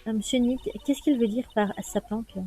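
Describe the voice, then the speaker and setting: Woman player reads a cheerful teenage sidekick, food-loving and teasing, with a higher voice over faint music. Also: normal speed, mellow, close to an everyday voice. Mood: chirpy.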